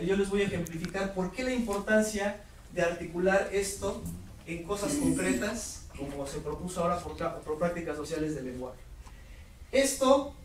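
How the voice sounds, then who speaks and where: A man giving a lively workshop lecture to teachers, putting questions to the audience. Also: high-pitched. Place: lecture hall. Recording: roomy hall audio from far off, faint noise.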